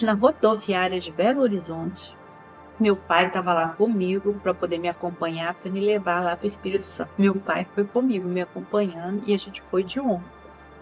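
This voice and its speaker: A woman's voice: medium pitch, poor audio. A woman in her sixties with a Brazilian accent, telling her life story earnestly and repeating phrases for emphasis. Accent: Brazilian Portuguese. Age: 60s. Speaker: channel host. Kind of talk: personal life testimony.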